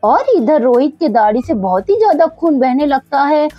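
A woman's voice: high voice, lively intonation, normal speed, dry recording. A woman narrating a doll story in a repetitive, step-by-step way. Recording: dull recording with faint music.

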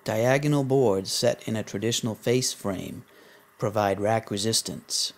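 A man reading a scripted promotional voice-over in an even, measured way. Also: on the low side. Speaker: narrator.

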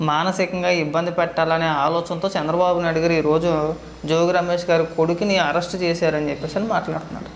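A man's voice: a little high, echoey room, a little hiss or hum. A man giving a political commentary monologue, scolding with sarcastic rhetorical questions.

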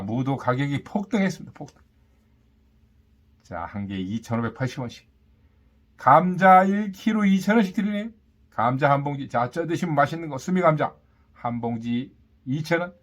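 A man working as a market vendor, calling out prices and specials in short, repetitive, boastful sales patter. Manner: hawking pitch, repetitive, punchy short phrases with boastful catchphrases. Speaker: market vendor announcing produce and meat prices.

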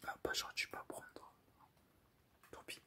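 A man whispering his way through gameplay commentary late at night at home, trying not to make noise. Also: unhurried. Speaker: gaming YouTuber.

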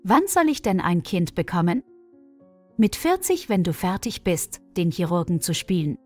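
A woman's voice: lowish voice, very animated, moderate pace, a little mellow, soft background music. A woman voicing a reproachful, insistent wife in her thirties. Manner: complaining, reproachful.

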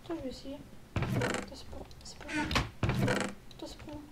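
A woman giving playful, joking commentary while playing a video game, with excitable outbursts. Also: high-pitched, moderate pace. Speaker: gaming YouTuber. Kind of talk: casual gameplay commentary. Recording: loud background noise.

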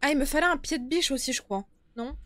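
A young woman giving casual, informal live commentary on a horror game, chatty and quick to swear. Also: sits high, fairly bright tone, no room sound. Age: young adult. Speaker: game streamer. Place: small indoor streaming room. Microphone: close desktop streaming microphone.

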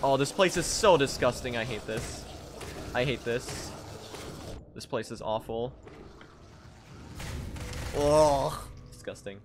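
A young man streaming a speedrun, talking to his chat in an excitable, pleading way. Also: mid-range voice, unhurried, long pauses, a little hiss or hum. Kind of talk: live-streamed game commentary.

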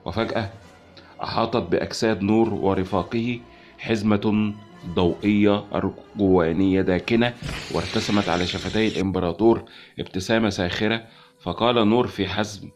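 A man narrating a science-fiction novel as an audiobook in a measured storytelling manner. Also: fairly low pitch, fairly even intonation, a little mellow, faint music behind.

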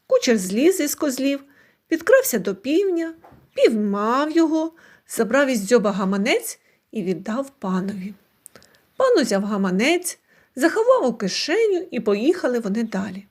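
A woman storyteller reading a folk fairy tale aloud in an expressive, scripted narration. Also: on the high side.

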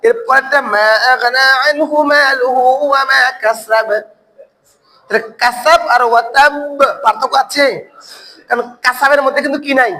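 A man's voice: very high voice, fairly even intonation, moderate pace, bright, forceful tone, poor audio. A man teaching an online Quran recitation class. He asks the learners questions, answers them himself and repeats words over and over to drill the pronunciation.

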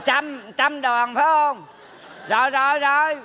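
A man's voice: very high-pitched, fairly even intonation, bright, forceful tone, a faint crowd, slight background noise, full character voice. A man putting on a nagging old mother's ghost. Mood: fussing. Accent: Southern Vietnamese. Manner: slow, drawn-out scolding. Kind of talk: stage comedy sketch.

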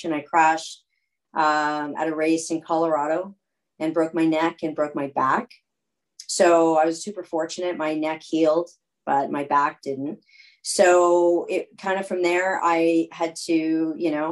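Relaxed low-voiced woman in her thirties, guest on a video call from home. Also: poor audio. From California, United States. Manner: relaxed, rambling, with fillers and restarts. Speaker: guest, athlete. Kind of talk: casual video call interview. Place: home room.

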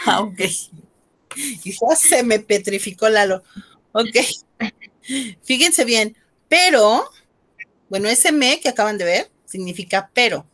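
Woman teaching french on a video call, a bit high-pitched, friendly and coaxing. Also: lively intonation, slow pace, long pauses, a bit bright. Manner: friendly, coaxing, switches between Spanish and French. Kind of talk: online class teaching.

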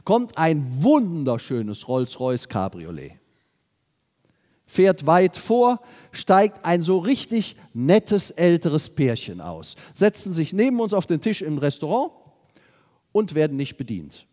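A man's voice: on the high side, takes it slowly, long reverb tail. A middle-aged man giving a sales seminar talk to a live audience, telling stories and asking rhetorical questions. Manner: lively storytelling, rhetorical questions. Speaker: sales trainer. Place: seminar hall.

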